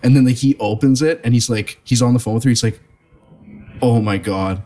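A man's voice: mid-range voice, brisk. Young man telling prank stories. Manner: animated storyteller, heavy filler "like" and "man". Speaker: podcast co-host. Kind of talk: casual chat.

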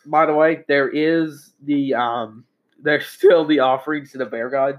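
A man improvising casually as game master of a tabletop game, halting and jokey as he narrates. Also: a little high, poor audio.

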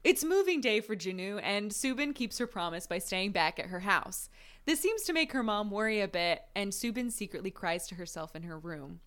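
A woman's voice: medium pitch, lively intonation, normal speed, a bit bright. A woman co-hosting a casual podcast, reading out a plot recap and often breaking into giggles. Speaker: podcast co-host recapping a drama.

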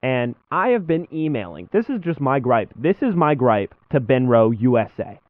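A man's voice: medium pitch, sing-song, moderate pace, no echo. A young man speaks as a casual podcast host, chatting informally. His mid-range voice comes through a thin, phone-like recording with very little room sound around it. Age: young adult. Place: small school room, indoors. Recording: muffled phone-like audio, dry.

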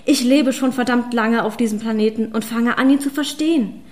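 Reading an audiobook in a natural, slightly high and animated voice, a woman voices a fierce, power-hungry witch at a moderate pace. The character sounds fanatical, hissing and commanding before breaking into shouts.

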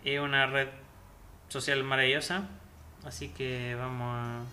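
A man's voice: medium pitch, level tone, a little slow, sharp tone, a little hiss or hum. A young man with a Chilean accent hosting a casual cocktail show, explaining the recipe with crude jokes. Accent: Chilean Spanish. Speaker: host mixing cocktails.

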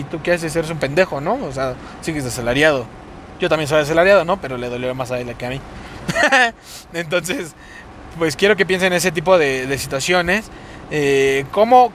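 A man's voice: fairly high pitch, fairly bright tone. Young Mexico City guy, foul-mouthed podcast host, recorded while driving with faint road noise. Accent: Mexico City Spanish. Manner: rambling, profane, sing-song delivery. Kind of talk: casual solo podcast monologue. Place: inside a car while driving. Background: car and road noise.

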